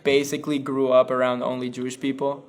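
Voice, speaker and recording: A man's voice: medium pitch, completely flat delivery, fast talker, over loud music. A young man from Colombia talking casually in an interview, with many fillers. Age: young adult. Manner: casual, filler-heavy, upbeat. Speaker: student in the program. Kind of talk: interview testimonial.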